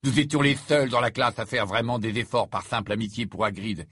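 A man voicing a cheeky, lazy teenage schoolboy in an audiobook, speaking a little higher and livelier than his own voice. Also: brisk, fairly bright tone, breathy edge, dry recording, studio quality. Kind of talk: audiobook character voice.

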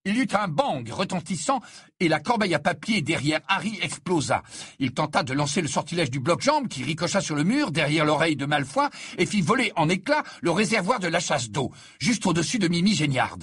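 Male audiobook narrator: husky, expressive, dry sound. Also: fairly high pitch, a little fast, no room sound. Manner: expressive, dramatic reading. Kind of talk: scripted narration.

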